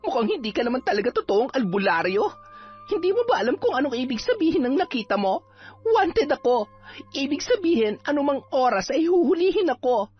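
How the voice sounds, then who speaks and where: A woman plays a cornered young sorceress in an audio drama, her voice sitting very high and leaping all over as she snaps and scolds. The sound is dull and lo-fi, with faint music underneath. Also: sing-song, a little fast. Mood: scornful. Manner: sharp-tongued, scolding, defiant. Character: bitter, hot-tempered young female sorceress on the run. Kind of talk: Filipino audio drama acting.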